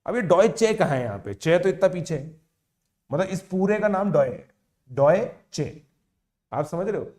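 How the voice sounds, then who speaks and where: A man in his thirties, an educator, tells a motivational story to online students in a casual, animated way. He mixes English words into his Hindi and checks in with listeners again and again. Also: high-pitched, moderate pace. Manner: chatty, animated, with frequent "theek hai" check-ins.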